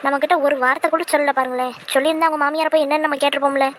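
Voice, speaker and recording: A woman's voice: high voice, fairly even intonation, racing, a little hiss or hum, close to an everyday voice. A woman voicing an eager village neighbour in a cartoon, passing on gossip.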